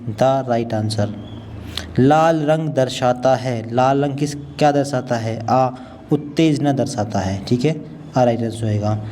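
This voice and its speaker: A man working through multiple-choice exam questions and their answers in a steady, matter-of-fact way. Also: medium pitch, a little hiss or hum. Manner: steady, matter-of-fact, repeats the right option. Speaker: teacher.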